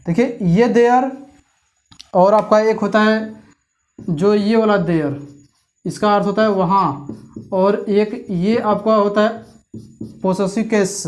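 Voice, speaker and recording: An English teacher with a medium-pitched voice gives a spoken grammar lesson, reading forms slowly one at a time. Then the explanation picks up speed, and the teacher keeps quizzing the listener with repeated questions.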